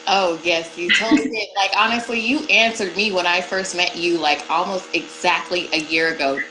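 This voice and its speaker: A woman's voice: fairly low pitch, fairly even intonation, moderate pace, over music, rough recording. A woman joining an online meeting, speaking in a gushing, grateful way with lots of "like" fillers. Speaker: meeting participant. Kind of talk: casual call-in comment.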